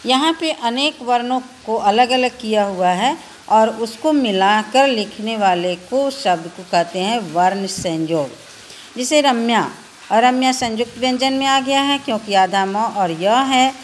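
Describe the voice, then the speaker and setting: A woman's voice: a little high, expressive, measured pace, a little hiss or hum. A woman teacher with a Bihari Hindi accent, patiently spelling out letters one by one in a recorded lesson for children.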